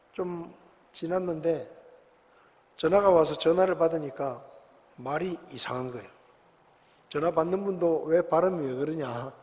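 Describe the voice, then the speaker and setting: Pastor preaching in a reverberant church. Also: male voice, a little high, a little mellow. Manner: conversational storytelling preaching, rhetorical questions. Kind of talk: sermon. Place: church sanctuary. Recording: long church hall reverb.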